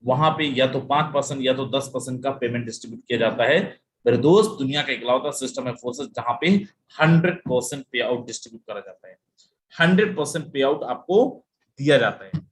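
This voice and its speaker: A man's voice: medium pitch, fairly quick. A man presenting a live sales webinar, emphatic and full of rhetorical questions, often mixing in English phrases and calling listeners "my friend".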